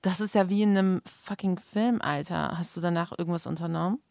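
A woman's voice: fairly low pitch, fairly quick, gravelly, darkish tone, dry recording, studio quality. A woman hosting a casual interview, speaking colloquially and with empathy. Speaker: host.

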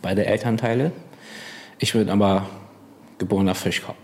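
A man from Bremerhaven chats in a relaxed, plain-spoken way, often breaking into easy laughter. His delivery is unpolished and friendly, with plenty of fillers and restarts. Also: on the low side, moderate pace. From Bremerhaven, Germany. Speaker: podcast guest. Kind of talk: casual conversation.

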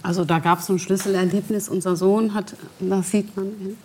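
Casting note: middle-aged woman, animated storyteller acting out dialogue. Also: mid-range voice, normal speed, slight background noise. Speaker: guest, guest's mother. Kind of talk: storytelling anecdote.

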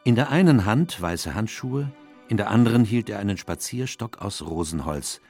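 An actor playing a genteel, earnest Victorian doctor who narrates and converses in a German radio play. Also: male voice, lowish voice, lively intonation, normal speed, breathy edge, soft background music. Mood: reflective narrating. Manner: earnest, gentlemanly.

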